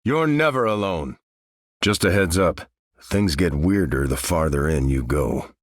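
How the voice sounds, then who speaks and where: An actor with an American accent playing a noble, steadfast veteran super-soldier in a video game, speaking with earnest, measured authority. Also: male voice, low-pitched, animated, no room sound, clean studio sound. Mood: resolute. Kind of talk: video game character voice lines.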